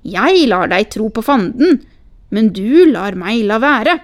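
A woman's voice: fairly high pitch, sing-song. A woman voicing an elderly, stubborn grandmother who speaks firmly and patiently in a storybook reading. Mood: cross. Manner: firm, patient, scolding.

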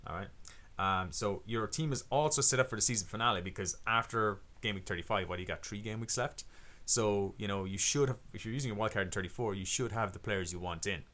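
A man's voice: lowish voice, brisk, sharp tone. A man co-hosting a podcast, explaining fantasy football plans step by step in casual chat, often restarting his sentences. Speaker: podcast co-host.

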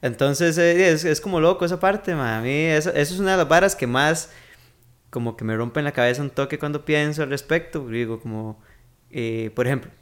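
A man with a Costa Rican accent, a podcast guest talking in a relaxed, reflective way with local slang. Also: fairly high pitch, fairly quick. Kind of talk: casual chat.

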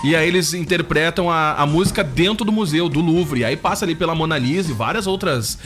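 A man's voice: fairly high pitch, a little fast, fairly bright tone, faint music behind. A man co-hosting a radio chat, rambling and restarting his sentences. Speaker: radio co-host. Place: radio newsroom studio.

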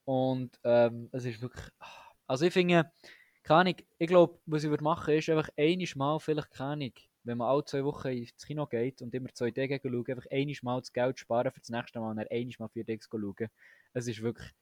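A young man chats with lots of enthusiasm and slang, often breaking off and restarting. His voice sits at a middle pitch. The recording is dry and close, with no room sound. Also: fairly even intonation, a little fast, a little mellow, no room sound. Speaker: podcast co-host. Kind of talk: casual chat.

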